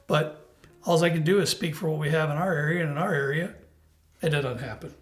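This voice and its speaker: A man's voice: on the high side, fairly even intonation, fairly quick, soft background music. A man hosting a casual, opinionated drinks review chat, with an unstable, grainy voice as if getting over being sick. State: unsteady voice while recovering from illness. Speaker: host of a bourbon review show. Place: home basement bar.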